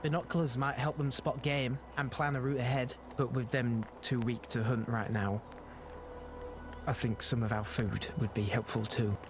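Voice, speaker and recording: A man plays a compassionate young sailor with a mid-pitched, earnest voice. He pleads gently for helping others. Game music plays clearly behind. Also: fairly even intonation, moderate pace, natural voice. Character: kind-hearted young male sailor.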